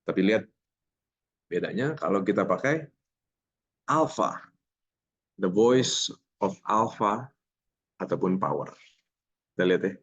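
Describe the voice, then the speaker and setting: A man's voice: sits low, expressive, slow pace, long pauses, a bit bright, slightly rough. A man teaching a public speaking workshop who talks energetically, jokes with participants and drops English words into his speech. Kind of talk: online voice workshop. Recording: slightly muffled lo-fi audio.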